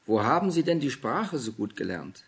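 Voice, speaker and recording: A man's voice: medium pitch, normal speed, vocal fry, breathy edge. A man voicing an elderly, courteous and curious male bookseller who asks polite, probing questions.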